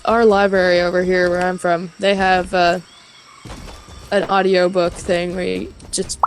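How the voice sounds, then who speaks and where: A woman's voice: fairly low pitch, flat delivery, measured pace, slight background noise. A woman chatting casually while gaming, enthusiastic and trailing off mid-thought. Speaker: gamer chatting while playing. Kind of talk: casual chat. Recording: game music behind.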